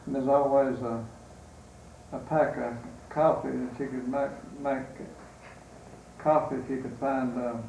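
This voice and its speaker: An elderly American man with a Southern accent, a war veteran remembering in an interview, halting with long pauses. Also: medium pitch, level tone, gravelly, darkish tone. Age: 80s or older. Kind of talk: unscripted reminiscence in an interview. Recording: roomy, distant mic, faint noise.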